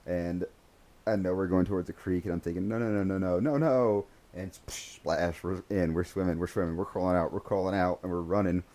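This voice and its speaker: A very low-voiced man tells war stories from his police days in a relaxed conversation. He gets animated, jumping into exaggerated voices for the people in his tales. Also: a little fast. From United States. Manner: animated storyteller, acts out voices in quotes. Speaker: podcast host, former police officer. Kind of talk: casual storytelling chat.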